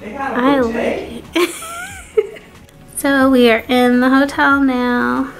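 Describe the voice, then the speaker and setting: A woman's voice: sits high, big pitch swings, extremely slow, low-quality recording. A young woman in her twenties vlogging casually with a camera at arm's length, blunt and sarcastic. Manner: blunt, sarcastic food critique. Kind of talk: casual vlog narration. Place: in a car, then outdoors at a hotel. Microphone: camera held at arm's length.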